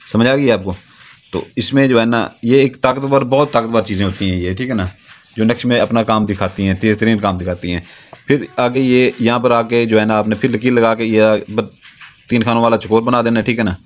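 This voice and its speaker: A man teaching a ritual step by step in a steady, repetitive way, often checking that the listener is following. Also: lowish voice, brisk. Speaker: spiritual practitioner teaching a ritual. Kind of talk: step-by-step instruction.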